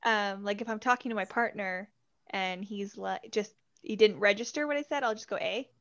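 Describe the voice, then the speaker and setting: A woman's voice: medium pitch, moderate pace. A woman from Canada with a Canadian accent, chatting casually and laughing often. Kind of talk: casual chat. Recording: slightly dull lo-fi sound.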